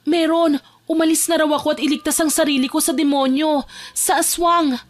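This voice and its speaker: A young woman voicing a frightened young woman locked in a dark basement, tense and pleading as she narrates her own horror story. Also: high voice, little pitch movement, brisk, lightly acted. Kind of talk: first-person horror story narration and dialogue. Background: faint music.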